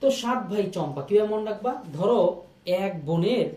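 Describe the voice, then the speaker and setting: A young male teacher, giving a lively exam-prep lesson and repeating questions to his students. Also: sits high, a little fast, distant mic. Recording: echoey room, off-mic.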